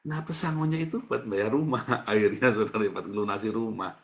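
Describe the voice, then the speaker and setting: A man's voice: fairly low pitch, brisk. A man preaching a sermon with fervor, urging listeners to repeat phrases after him. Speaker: pastor. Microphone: online Zoom session.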